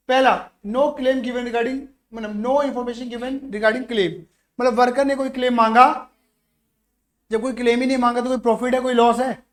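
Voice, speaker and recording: Male teacher, very high voice, animated classroom style, checks in with students nonstop. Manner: keeps asking students "yes or no" to check understanding; animated, acts out little stories to explain. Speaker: commerce teacher. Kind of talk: classroom-style accounting lesson.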